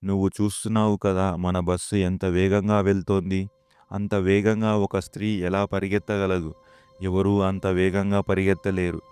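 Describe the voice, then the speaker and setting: A man reading as a calm young husband reassuring his wife. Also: low voice, clear, resonant tone, close to an everyday voice.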